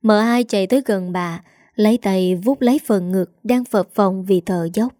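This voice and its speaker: A woman narrating a dramatic family story in a measured storytelling manner. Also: medium pitch, dark tone, dry recording, studio quality.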